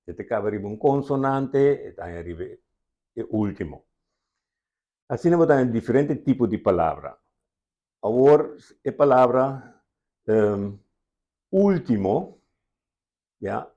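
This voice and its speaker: A man's voice: mid-range voice, lively intonation, measured pace, long pauses, mellow, dull audio. A man with a Curaçaoan accent, a language expert patiently explaining spelling rules step by step in an interview.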